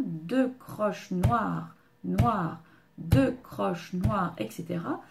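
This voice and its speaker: Woman, music teacher, gravelly, dark and mellow tone, patient, chants rhythm syllables. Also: on the high side. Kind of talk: rhythm lesson for beginners.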